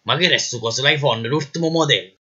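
A man's voice: mid-range voice, a little fast, sharp tone, slightly rough. A man playing an exasperated, bullying police marshal with a Neapolitan accent, scolding and sarcastic in a comic parody dub. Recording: muffled lo-fi dub.

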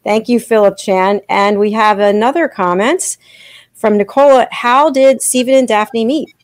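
A woman's voice: a little high, steady tone, unhurried, no room sound. A woman hosts a live online talk show, upbeat and gracious as she thanks her guests. Her voice sits close and dry, with no room sound. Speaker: host.

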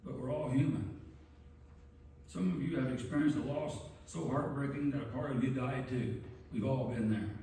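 Pastor preaching in an echoey church. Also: male voice, mid-range voice, vocal fry, warm tone, far from the mic, slight background noise. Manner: earnest, measured preaching with emphatic pauses. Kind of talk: sermon. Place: large church sanctuary.

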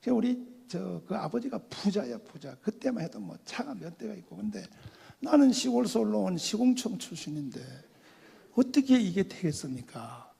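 Older guy pastor telling his testimony, high raspy voice, lots of hall echo, acts out the voices. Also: moderate pace. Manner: animated storytelling, acting out quoted voices, laughing often. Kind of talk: testimony sermon. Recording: long hall reverb.

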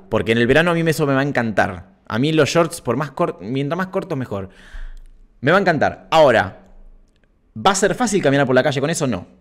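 A man with an Argentine accent hosting a casual livestream, chatting playfully and reading out viewers' comments. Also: mid-range voice. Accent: Argentine Spanish (Rioplatense). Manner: chatty, playful, self-mocking asides. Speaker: livestream host. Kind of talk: casual live-stream chat reading comments.

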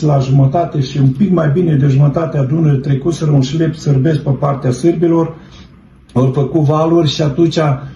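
A man's voice: a little high, mellow. A middle-aged man giving an earnest, fervent religious testimony, telling his story and calling his listeners brethren. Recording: roomy, dull, slightly noisy.

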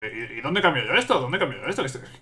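A man's voice: medium pitch, sing-song, quick pace, sharp tone. A young man commenting on his own gameplay, exasperated and repeating himself as he rants at the game. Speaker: gaming YouTuber.

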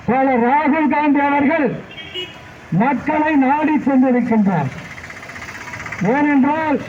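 A man addressing a street protest as a party speaker, delivering a political speech in slow, measured oratory. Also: extremely high pitch. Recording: dull lo-fi recording with faint street noise.

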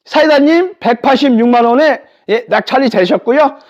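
An excitable live-stream auctioneer selling furniture, calling out bids and repeating prices. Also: medium pitch, moderate pace. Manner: excitable, exclaiming. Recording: dull lo-fi live-stream audio.

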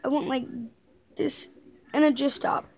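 A woman's voice: sits high, flat delivery, a little slow, a little mellow. A woman vlogger chatting casually and ramblingly to her viewers. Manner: rambling and chatty, laughs easily. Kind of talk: casual vlog chat to viewers.

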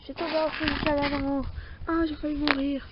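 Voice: high-pitched, flat delivery, moderate pace. A young girl voicing her toy figures as they play on ice outside, playful, swearing and crying out in pain. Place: outdoors on ice in winter. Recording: dull sound, loud outdoor noise.

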